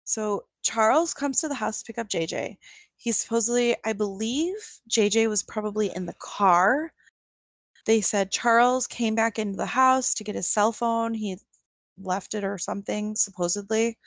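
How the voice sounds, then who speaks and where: A woman's voice: medium pitch, normal speed, no echo. A young adult woman co-hosting a podcast, telling a true-crime story casually with lots of fillers and incredulous asides. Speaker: podcast co-host.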